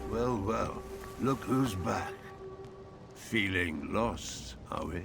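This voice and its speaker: A slow, sly, mocking wanderer. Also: male voice, lowish voice, lively intonation, creaky, over music, heavily acted. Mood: sly, teasing. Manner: taunting, theatrical, deliberate. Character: sly, mocking, mysterious male wanderer, cryptic tempter. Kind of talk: video game character dialogue.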